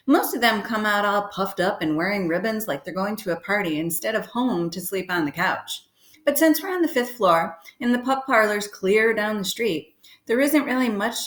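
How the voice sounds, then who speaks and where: A woman's voice: medium pitch, echoey room. A woman reading the first chapter of a children's novel aloud, giving short voices to the characters. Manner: lively storytelling with brief voices for characters. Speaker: reader.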